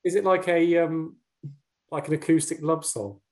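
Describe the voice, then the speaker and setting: A man co-hosting a podcast in casual chat, teasing the others and quick with jokes. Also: a little high, fairly even intonation, a little mellow. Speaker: podcast co-host.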